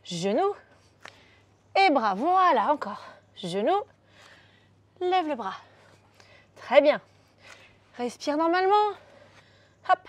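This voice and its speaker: Speaking slowly in a high, sing-song voice with long pauses, this fitness coach walks beginners through a guided workout. She stays upbeat and encouraging, counting the moves out loud as she shows them.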